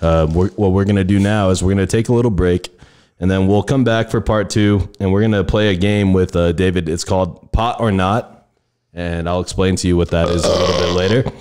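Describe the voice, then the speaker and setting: A young man from El Paso hosts a laid-back podcast with a lowish voice. He keeps things moving in a loose, profane, chatty way. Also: fairly even intonation, brisk, darkish tone, clean tone. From El Paso, Texas. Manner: loose, swearing, steers the segments. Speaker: podcast host. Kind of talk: casual chat.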